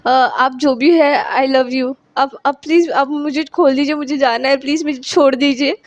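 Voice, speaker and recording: A woman voicing a frightened, kidnapped young woman who stammers and pleads in a rushed, high voice. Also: steady tone, dry recording, dull audio, close to an everyday voice. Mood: scared pleading.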